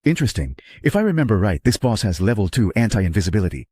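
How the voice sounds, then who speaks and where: Cold calculating young warrior guy, man reading him, flat cool delivery, kinda husky. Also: lowish voice, fast talker, no room sound, clean studio sound.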